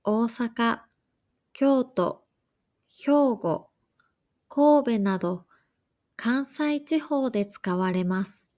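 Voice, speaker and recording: A woman reading a scripted lesson for learners in a slow, careful, even way. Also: fairly high pitch. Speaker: language teacher.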